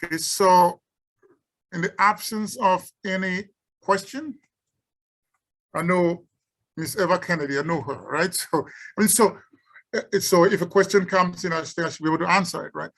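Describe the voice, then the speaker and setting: A Cameroonian woman with a lowish voice and a Cameroonian accent speaks at a moderate pace, pausing often. She's a researcher giving an unscripted symposium talk and fielding questions, frequently stumbling and repeating words.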